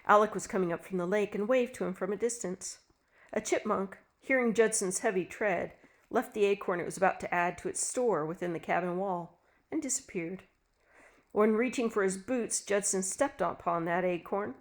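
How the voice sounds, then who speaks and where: A woman telling a dark short story aloud, with scripted, steady narration at a middle pitch. Her delivery stays even and measured.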